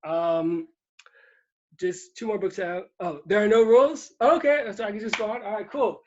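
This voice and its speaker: A man's voice: high-pitched, normal speed, muffled recording. A man from Puerto Rico talking casually about books, rambling with many restarts and easy laughs. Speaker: guest writer.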